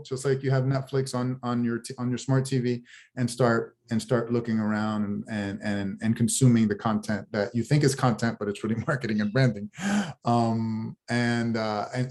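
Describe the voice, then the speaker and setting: A man pitching his streaming app in a casual business chat over a video call, rambling with many restarts. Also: darkish tone. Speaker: guest, TV show founder.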